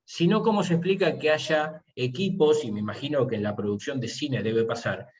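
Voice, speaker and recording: Man, mid-pitched voice, teacher explaining his course, rhetorical questions, dull muffled call audio. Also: normal speed, a little mellow. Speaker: university teacher. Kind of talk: online seminar discussion. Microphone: video call.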